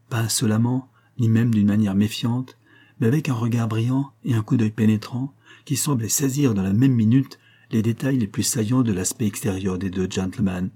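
Guy reading a classic novel out loud, mellow and a bit breathy. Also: fairly low pitch. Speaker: audiobook reader. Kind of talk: scripted narration of a novel.

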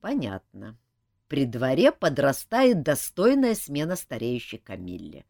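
A woman voicing a weary, blunt young king who grumbles in a gruff way. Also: mid-range voice, huge pitch swings, measured pace, darkish tone, no echo, studio quality. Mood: grumbling.

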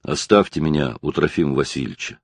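A man voicing a slow, clumsy young expedition worker who talks gruffly, read from a storybook. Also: extremely low pitch, no echo, studio quality, pitched below the performer's own voice, heavily acted. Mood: grumbling. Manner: gruff, grumbling.

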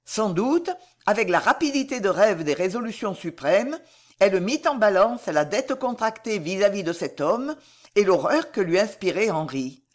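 Expressive woman narrating an audiobook. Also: medium pitch, moderate pace. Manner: expressive, dramatic reading. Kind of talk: scripted narration of a historical novel.

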